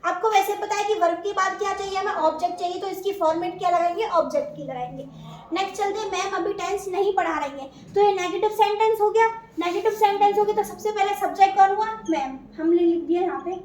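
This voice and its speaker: A woman's voice: very high-pitched, fast, a little mellow, recorded from a distance. A woman with an Indian accent teaching an English grammar class, asking questions and answering them herself. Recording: echoey room, voice from afar, faint noise.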